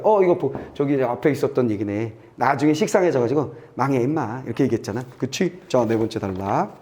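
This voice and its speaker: Brisk, chatty male exam-prep teacher. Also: mellow. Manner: brisk and chatty, reads aloud then checks "됐지?" and trails off low. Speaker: Korean test-prep teacher. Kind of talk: lecture walking through an exam passage.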